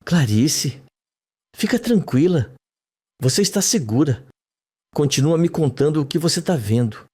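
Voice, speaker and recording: A man reading the lines of a doctor who guides a patient through hypnosis in a soft, calm, encouraging voice, for a soap opera recap. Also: a little high, measured pace, husky. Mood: soothing. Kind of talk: read-aloud soap recap.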